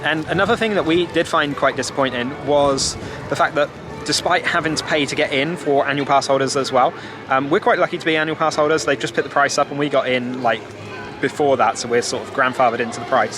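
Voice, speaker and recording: Out in a theme park, a young adult British vlogger talks casually to his arm's-length camera, music playing in the background. His mid-range voice moves fast.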